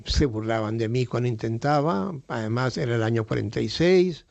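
A man's voice: medium pitch, normal speed, creaky, darkish tone, dry recording, dull audio. An older Spanish-speaking man telling stories frankly in a radio interview, with salty words and many restarts. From Spain. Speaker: radio guest.

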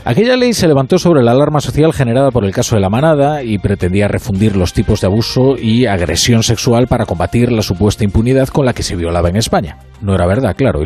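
In a studio with soft music playing underneath, a male radio host from Spain gives an ironic, measured opinion piece. He speaks in a mellow, fairly low voice.

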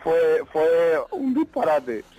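A man with a Murcian accent and an odd cartoonish voice, haltingly telling comic anecdotes as a radio caller, repeating words as he goes. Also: on the high side, sing-song, warm tone, no room sound, lo-fi sound. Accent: Murcian Spanish. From Murcia, Spain.

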